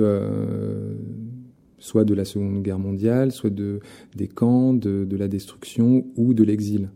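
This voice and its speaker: A man's voice: fairly low pitch, gravelly, mellow. A man, a literary guest in an interview, giving an analytical answer that halts on many fillers and repeated words.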